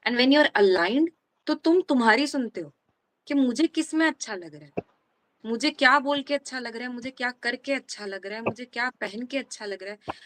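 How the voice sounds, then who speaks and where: A woman, talking earnestly in a casual chat, giving slow, deliberate advice in a mix of Hindi and English. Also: on the high side, fairly bright tone, slight background noise, poor audio. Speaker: guest speaker on spirituality.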